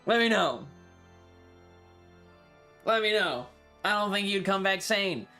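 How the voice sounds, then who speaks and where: This live streamer's medium-pitched voice is animated, slow, pushed, and bright, with soft music playing behind. The casual chat wanders through opinions, with liberal swearing and playfully exaggerated gripes.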